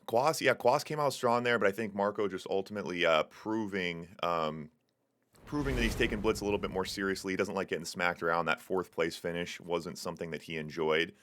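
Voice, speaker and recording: With a deep, slightly bright voice and a pace that's a little fast, a young tournament host delivers casual play-by-play of a strategy game. His commentary wanders with lots of fillers and playful asides to the chat.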